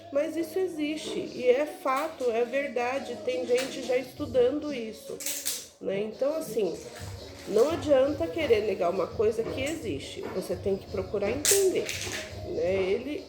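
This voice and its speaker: A woman telling a casual, animated personal story as a mother, often adding "né?". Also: a little high, reverberant. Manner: animated, chatty, often adds "né?".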